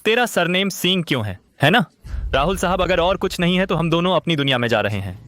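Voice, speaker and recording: An actor dubbing a cheeky, brash young fish seller who is secretly a mighty war god, teasing and boastful. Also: male voice, on the high side, expressive, quick pace. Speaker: lead character. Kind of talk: Hindi dubbed short drama. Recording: dubbed voice over loud music.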